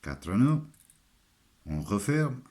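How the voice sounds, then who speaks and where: An Italian man speaking French with a foreign, Italian accent, giving a halting, step-by-step hands-on craft demonstration in simple, repeated phrases. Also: on the low side, very animated, a little mellow. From Italy. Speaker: armourer giving a craft tutorial.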